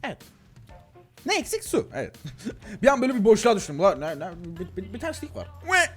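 A young man talks fast and animatedly over his gameplay. His voice is high and bouncy, swinging between thin and deep tones. Faint music plays behind him. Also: slightly rough. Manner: excitable, chatty, talks to viewers as "gençler" and "abi", frequent laughs. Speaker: gaming YouTuber. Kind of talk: casual Let's Play commentary.

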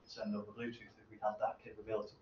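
Picked up by a camera mic far across a university seminar room, a seminar presenter in his thirties fields questions from the audience, explaining loosely and haltingly. He talks rapid-fire in a fairly low, completely flat voice. The recording is echoey, dull and hissy.

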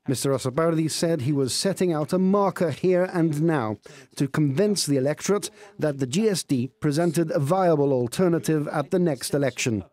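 A man narrating a news report in a measured, formal way. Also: a little high, darkish tone. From Gibraltar.

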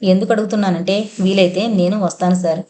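A woman's voice: mid-range voice, fairly even intonation, fast talker, mellow, close to an everyday voice. A woman voicing a talkative, scheming middle-aged male lorry driver in an audio novel, familiar and polite, calling the passenger sir. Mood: chatty.

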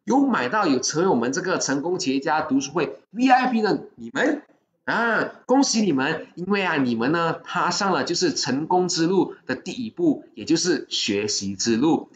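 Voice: mid-range voice, big pitch swings, moderate pace, muffled recording. Host, chirpy hard sell, echoey room. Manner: upbeat, urging, sprinkles English words and sentence particles. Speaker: livestream host of a book club. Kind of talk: live-stream sales pitch and Q&A.

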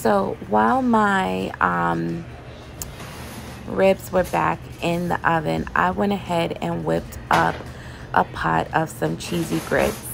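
A woman chatting casually as she cooks in her home kitchen, relaxed and loose, with laughs and fillers. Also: lowish voice, slow pace, vocal fry, background noise. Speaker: home cooking vlogger. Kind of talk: casual cooking voice-over.

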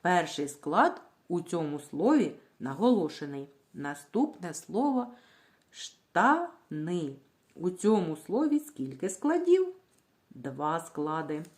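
Speaking in a fairly low voice, a woman primary school teacher runs a literacy lesson for young children with lively, rising and falling intonation. Her pace is slow and unhurried as she sounds out every word syllable by syllable. After asking the class a question, she supplies the answer herself.

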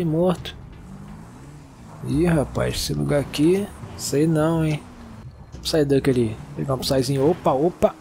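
A young man with a Brazilian Portuguese accent, excitedly narrating a video game and talking to its characters. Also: a little high. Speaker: gaming YouTuber. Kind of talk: let's-play commentary.

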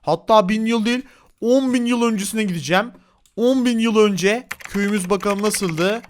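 A man hosting a block-game role-play, narrating dramatically to his viewers and often shouting in excitement. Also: high-pitched, normal speed, a little hiss or hum. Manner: addresses viewers as friends. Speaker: gaming channel host.

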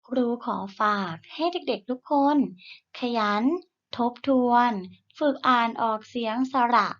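A woman teacher giving a recorded reading lesson to young children. She speaks slowly, models each sound clearly for the children to repeat, and encourages them gently. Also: a little high, highs cut off. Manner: slow, deliberate modelling of sounds for repetition. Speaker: primary school teacher.

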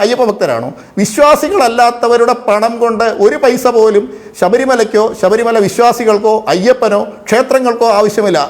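A man speaks as a panelist in a televised political debate, his voice sitting noticeably high. He argues forcefully, stacking rhetorical questions and breaking off words with brief fillers before pressing on.

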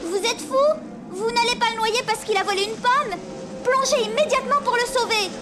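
Candy, a very high spirited girl. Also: moderate pace, a little hiss or hum. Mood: urgent. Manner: bold, expressive. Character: spirited brave American teenage girl. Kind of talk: storybook record acting.

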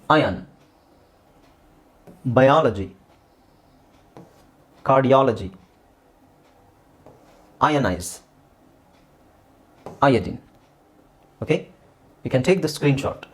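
Kannada accent guy teaching phonics, reads word lists, keeps asking ok got it, pitch bounces around a lot. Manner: lively, drills words one by one, checks understanding. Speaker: English teacher. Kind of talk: phonics lesson.

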